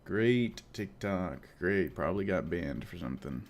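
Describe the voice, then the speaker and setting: Guy on a trading livestream, kinda low voice, talks slow, sarcastic muttering at his desk mic. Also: expressive. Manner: muttering, sarcastic, grumbling to himself. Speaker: livestreaming day trader. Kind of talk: live-stream commentary while trading.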